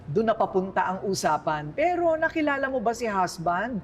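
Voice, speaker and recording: A woman's voice: mid-range voice, very animated, moderate pace, in a large hall, slight background noise. A middle-aged woman hosting a casual interview, asking playful, teasing questions. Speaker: interview host.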